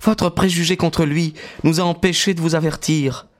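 A man's voice: fairly high pitch, fairly even intonation, moderate pace, pitched above the performer's own voice, close to an everyday voice. A man voicing a proud, composed young woman who speaks firmly and earnestly in an audiobook story. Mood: candid. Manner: firm, dignified, earnest.

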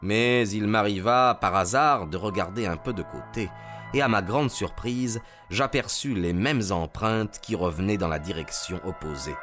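A man narrating a classic detective story as an audiobook, in a measured, expressive storytelling voice. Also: lowish voice, music in the background.

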